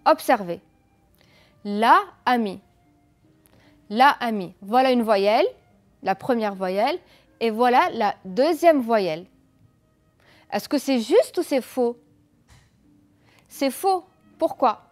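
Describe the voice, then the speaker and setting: A woman's voice: fairly high pitch, lively intonation, slow pace, long pauses, a little mellow, faint music behind. A woman teacher giving a televised school lesson, explaining patiently, asking pupils questions and praising their answers. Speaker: French teacher.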